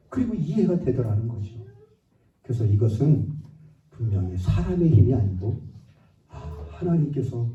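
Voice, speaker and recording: A man's voice: medium pitch, mellow. A male pastor preaching a sermon in a church, telling personal stories in a conversational way and speaking directly to the congregation. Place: church sanctuary. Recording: roomy church sound from a distance, muffled.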